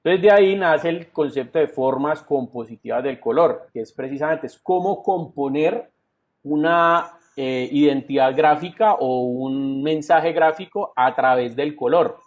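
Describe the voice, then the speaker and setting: A man's voice: a little high, unhurried. A man with a Colombian Spanish accent teaching a virtual class, explaining step by step and often checking in with the students. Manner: explanatory, frequent "entonces" and checks like "¿sí?". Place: home or office, video call. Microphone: computer mic on video call. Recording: dull lo-fi online class audio.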